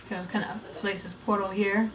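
A woman's voice: medium pitch, little pitch movement, fairly quick, far from the mic, noisy background. A woman giving casual, teasing commentary while playing a video game. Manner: chatty, teasing, talking to viewers. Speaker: game player.

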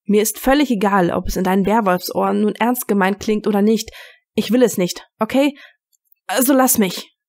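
A woman's voice: mid-range voice, moderate pace, dry recording, studio quality, lightly acted. Woman reading as a defiant young man. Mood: angry refusal. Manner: sharp, pushing back hard.

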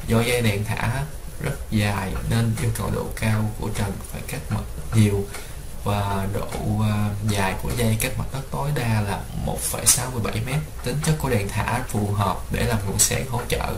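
A young man, a student, reading a class report aloud in a steady way. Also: lowish voice, normal speed. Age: young adult. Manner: steady, read-aloud delivery. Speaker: student presenter. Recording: roomy with clear background noise.

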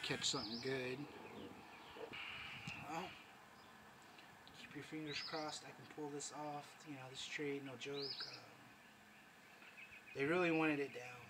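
A man narrating his own tree cutting on his phone camera outdoors, talking casually and haltingly with many fillers. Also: mid-range voice, steady tone. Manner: rambling, hesitant, with many fillers. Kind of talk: casual self-filmed narration. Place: outdoors by trees and power lines. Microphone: phone camera held by the speaker. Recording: loud outdoor noise.

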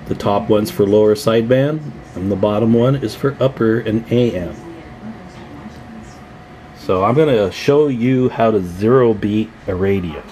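A man with a lowish, warm voice hosts a casual hands-on video tutorial at an indoor workbench, with slight background noise. A radio repair hobbyist, he explains things informally, step by step.

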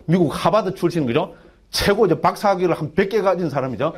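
A man, a Buddhist monk, giving a lively dharma lecture in a Gyeongsang dialect, often asking his listeners for agreement. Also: high voice, quick pace, breathy edge. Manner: keeps asking the audience for agreement, animated and colloquial. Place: temple education hall.

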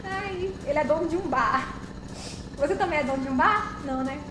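A woman's voice: high voice, brisk. A woman, chatting casually with her viewers as a live streamer while gaming, giggling and unable to stay serious. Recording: roomy echo, loud vehicle game noise.

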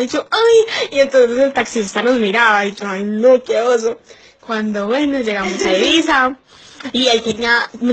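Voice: mid-range voice, a bit bright, slight background noise, close to an everyday voice, poor audio. A performer playing a crude, chatty young Colombian woman with a Paisa accent, confiding a story with dramatic exclamations in a comic monologue.

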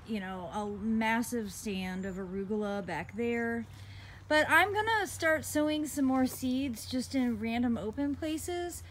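A woman's voice: on the high side, a little hiss or hum. A woman chatting casually and laughing easily as she walks through her outdoor garden, filming on a phone. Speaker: gardening vlogger.

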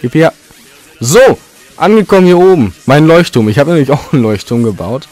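A man's voice: a little high, expressive, fairly quick, a little mellow, faint music behind. A young man giving casual, rambling commentary over his own gameplay, with sudden jumpy outbursts. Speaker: let's play commentator.

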